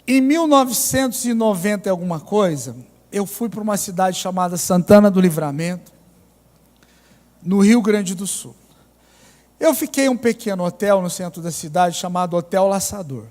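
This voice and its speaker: A pastor with a Mineiro accent, telling a story in a sermon with ironic humor. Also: male voice, sits high, normal speed, darkish tone. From Minas Gerais, Brazil. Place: church. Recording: reverberant church hall.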